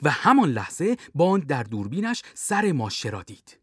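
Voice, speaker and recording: Expressive male audiobook narrator. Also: on the high side, slightly rough, dry recording, studio quality. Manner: lively, expressive storytelling.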